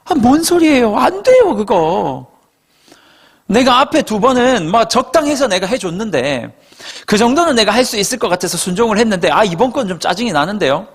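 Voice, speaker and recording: A man's voice: high voice, big pitch swings, fairly quick, slightly rough, voice pushed up, heavily acted. A man voicing an irritated, grumbling fisherman who complains in an exasperated, whiny way.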